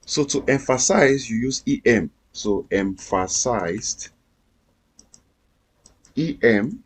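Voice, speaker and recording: Slow, husky-voiced man teaching code. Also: mid-range voice, animated. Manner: patient, repetitive step-by-step explaining. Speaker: coding instructor. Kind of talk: screen-recorded coding tutorial.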